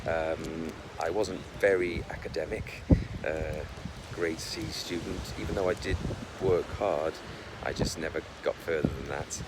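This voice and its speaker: A man's voice: extremely low pitch, steady tone, a little slow. A middle-aged man talking casually to camera about his life, hesitant, with many fillers and restarts. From Wales. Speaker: vlogger. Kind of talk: casual personal talk to camera. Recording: loud wind noise over the mic.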